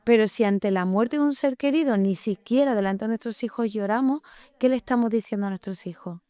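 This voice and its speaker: A woman co-hosting a podcast, talking in an earnest, measured way and explaining with everyday examples. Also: a little high, mellow, clear, resonant tone, no room sound. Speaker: podcast co-host. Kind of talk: reflective podcast conversation.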